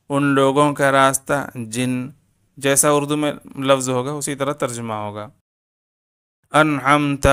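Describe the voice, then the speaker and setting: A man teaching word-by-word meanings in a slow, deliberate lesson, repeating each meaning. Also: mid-range voice, a bit bright, smooth. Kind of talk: step-by-step lesson.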